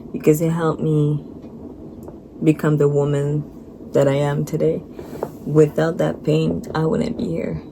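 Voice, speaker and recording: A young woman vlogging her personal faith testimony, earnest and halting, holding back tears. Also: low-pitched, vocal fry. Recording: noisy background.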